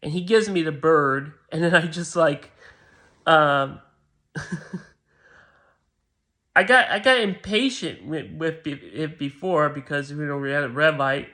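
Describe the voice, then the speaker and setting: A man tells a casual story in a rambling, halting way, restarting his sentences often. His voice sits a little high, with a bright, tense edge.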